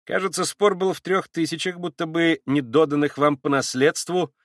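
A polite, unhurried investigator who asks his questions with studied calm, as a male reader puts him on. The voice sits a little higher than the reader's own and sounds dry and close. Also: no echo, natural voice. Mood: probing. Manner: formal, measured, deliberately calm.

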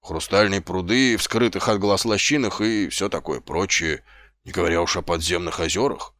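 A man voicing a slow, timid, middle-aged male sergeant who talks hesitantly and grumbles, in an audiobook. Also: low voice, fairly bright tone, no room sound, voice pushed down.

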